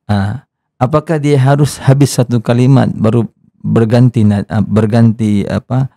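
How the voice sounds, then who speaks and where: Dark gravelly host. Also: male voice, mid-range voice, steady tone, measured pace, no room sound, studio quality. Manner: polite, addresses guest respectfully, hesitant fillers. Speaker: podcast host. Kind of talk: interview questions.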